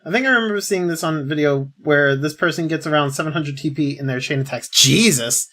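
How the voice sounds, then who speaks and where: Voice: medium pitch, brisk, fairly bright tone. A streamer giving casual playthrough commentary, muttering to themselves and sometimes swearing. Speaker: video game streamer.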